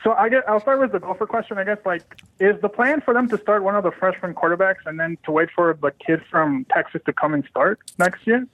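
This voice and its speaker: High-voiced male caller on phone. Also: fairly quick. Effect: phone line. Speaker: radio show caller. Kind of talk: casual question. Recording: tinny phone line.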